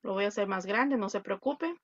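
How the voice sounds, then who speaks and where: A woman's voice: medium pitch, brisk, dull audio, slight background noise. A woman teaching an online English class, mixing Spanish and English and correcting pronunciation. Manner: switches between Spanish and English.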